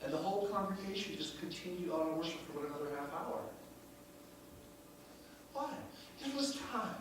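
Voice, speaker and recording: A man preaching a sermon in a church, moving from easy storytelling to loud, exclaiming praise with the odd laugh. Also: a little high, sing-song, normal speed, background noise. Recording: echoey church room, voice from far off.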